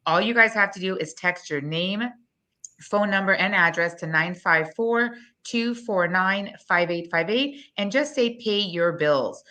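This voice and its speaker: This is a Guyanese-accented business owner in her forties, speaking in a bright, forceful voice of medium pitch. She promotes her business in an interview, talking fast, bluntly and with emphasis.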